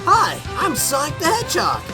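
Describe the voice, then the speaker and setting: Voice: high voice, huge pitch swings, normal speed, over music. An actor voicing a cocky, easygoing young male hedgehog hero in a breezy, casual way for a comic dub. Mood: friendly. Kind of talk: animated comic dub acting.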